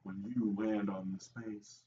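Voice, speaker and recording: A man's voice: fairly low pitch, level tone, measured pace, mellow, pitched below the performer's own voice, close to an everyday voice. A man voicing a female fortune teller shopkeeper from an animal village game, with inviting patter. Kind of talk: game dialogue read in a character voice. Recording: distant, dull mic with faint noise.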